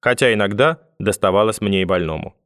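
A man narrating a first-person story for an audiobook in a measured, wry way. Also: on the low side, a bit bright, clear, resonant tone, no echo, clean studio sound.

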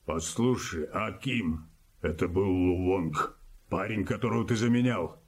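Actor playing a curt, bossy millionaire, low and husky. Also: male voice, measured pace, full character voice. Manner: curt, commanding. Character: curt commanding male millionaire.

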